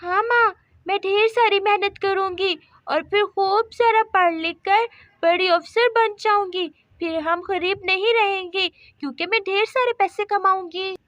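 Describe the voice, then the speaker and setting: A woman performs a hopeful little girl in a doll story, earnest and chatty, in a very high childlike voice. The recording is close and dry. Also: fairly even intonation, measured pace, a bit bright, no room sound, muffled recording. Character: young schoolgirl daughter, hopeful and chatty.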